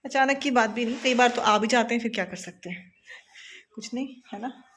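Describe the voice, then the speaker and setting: A woman's voice: on the high side, fairly even intonation, fairly quick, a bit bright, a little hiss or hum. A woman in her thirties, a mother chatting casually to her vlog at home and playing with her child, mixing English words into her talk. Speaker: mother and vlogger. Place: home living room.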